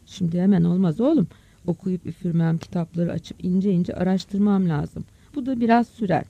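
A narrator voicing a calm elderly village imam who speaks slowly and in a measured way in an audiobook story. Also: medium pitch, no room sound, lightly acted. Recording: dull, dry close recording.

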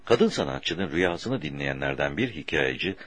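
A man reading a story aloud for an audiobook in a slow, deliberate way, with a husky voice. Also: extremely low pitch, big pitch swings, fairly bright tone, no room sound. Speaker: audiobook narrator.

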